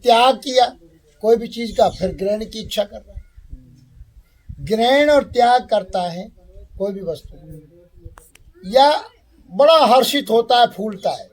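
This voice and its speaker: A spiritual teacher with a high, expressive, somewhat dark male voice delivers a satsang discourse. He speaks slowly, repeating each term and then defining it.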